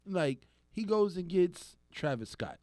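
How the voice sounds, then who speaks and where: A man co-hosting a podcast in casual chat, animated and laughing often as he acts out quoted voices. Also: high-pitched, slow pace, no room sound, studio quality. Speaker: podcast co-host.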